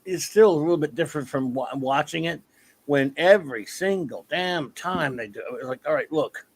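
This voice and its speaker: Blunt grumbling man, higher voice. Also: normal speed, a little hiss or hum. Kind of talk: casual chat.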